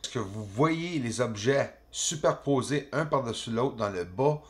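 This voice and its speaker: A man's voice: mid-range voice, measured pace. Chatty man with a Quebec French accent. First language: English. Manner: animated, exclaiming, chatty, peppered with filler words. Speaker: YouTube channel host. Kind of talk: casual commentary over video footage.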